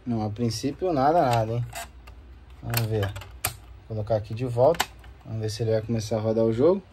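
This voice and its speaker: Medium in pitch and dark in tone, he talks a little fast over a faint hiss or hum. The Brazilian-accented host of a gaming video channel keeps things informal and playful, testing consoles hands-on while tossing out slang.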